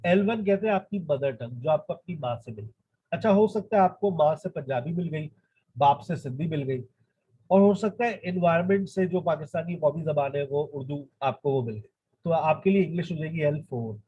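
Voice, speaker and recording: A man's voice: on the high side, a little fast, slightly rough. A man, teaching an online English lesson and switching between English and Urdu as he explains. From Pakistan. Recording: dull lo-fi recording.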